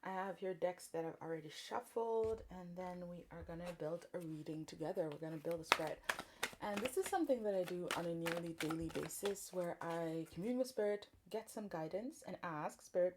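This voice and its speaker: A woman from Congo leads a spiritual tarot card reading, her voice sitting a little low. She speaks gently and thoughtfully, pausing often and filling gaps with soft ums as she turns over each card. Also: background noise. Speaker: tarot reader.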